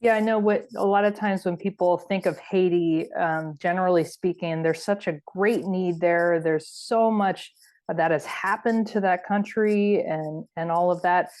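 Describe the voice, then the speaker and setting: A woman with a somewhat low voice hosts a conversational interview. She asks her questions in a friendly, curious, casual manner. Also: unhurried, darkish tone.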